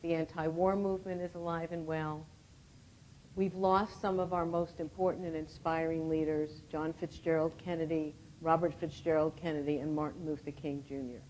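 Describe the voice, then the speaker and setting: A woman in her seventies giving a reflective storytelling talk to a conference audience, often clearing her throat. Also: deep voice, flat delivery, normal speed, a little mellow, slight background noise, rough recording. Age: 70s. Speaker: conference speaker.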